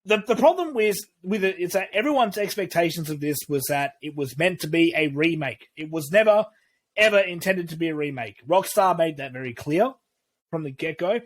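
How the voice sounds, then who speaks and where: A man's voice: fairly high pitch, expressive, brisk. A man co-hosting a casual podcast, rambling through his views with frequent restarts and cheerful swearing. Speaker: podcast co-host. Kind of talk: casual chat.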